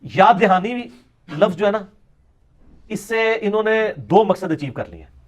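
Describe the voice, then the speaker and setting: A man's voice: sits high, animated. A man giving a polemical religious lecture, mocking his opponents and dropping into quips. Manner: sarcastic, mocking, lapses into Punjabi quips. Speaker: religious speaker.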